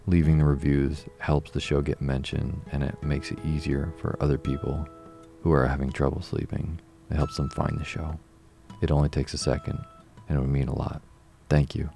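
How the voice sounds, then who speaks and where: A man with an extremely low, gravelly voice works as a sleep story narrator. His delivery is soft-toned and dark, gentle and unhurried, made to lull a listener to sleep. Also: level tone. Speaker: sleep podcast host and reader. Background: soft plucked guitar-ukulele music.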